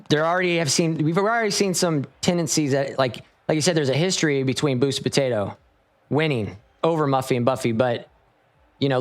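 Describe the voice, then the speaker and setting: A man commentating an online esports tournament in an easygoing, rambling, playful way. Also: mid-range voice.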